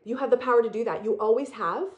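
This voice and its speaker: A woman giving an earnest spiritual talk, repeating phrases and slowing down to stress key words. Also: a little high, highs cut off. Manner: earnest, repetitive, emphatic and slow on key phrases. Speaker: spiritual speaker.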